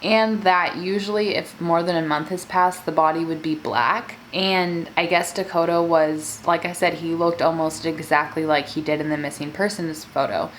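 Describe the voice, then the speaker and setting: A woman with a low, steady voice chats casually as a mukbang host, telling a true-crime story at a normal pace with hardly any pauses and constant fillers like "like." The audio is poor, with a faint hiss or hum.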